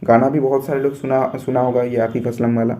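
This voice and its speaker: A man's voice: mid-range voice, flat delivery, fairly quick, mellow. A young man from India teaching biology for an entrance exam, explaining step by step and repeating his points.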